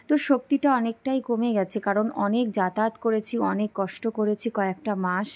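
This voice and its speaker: Soft-spoken tired woman vlogger. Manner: soft, slow and low-energy. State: unwell and tired. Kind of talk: daily life vlog voice-over.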